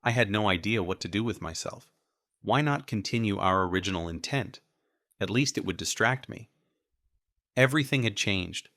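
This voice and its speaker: A male audiobook narrator reads in a steady, measured way. His voice sits low and sounds bright and forceful. The recording is dry and close, with no room sound. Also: no room sound. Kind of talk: scripted first-person narration.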